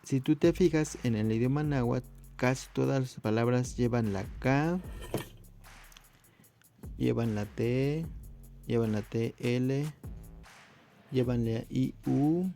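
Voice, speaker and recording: A man with a dark, gravelly voice gives a casual video language lesson. He talks patiently to his viewers as friends, repeating words slowly so they can copy the sounds, with faint music underneath. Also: mid-range voice. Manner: addresses viewers often as friends. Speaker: language teacher.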